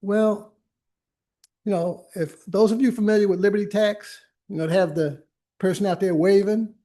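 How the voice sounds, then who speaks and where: A man's voice: high voice, fairly even intonation, normal speed, dark tone. An older man, an attorney, giving an informal library talk, telling stories in a chatty way with many restarts and asides. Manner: anecdotal, conversational, frequent restarts and asides. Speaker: attorney and workshop presenter. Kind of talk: informal lecture with personal stories. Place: library meeting room.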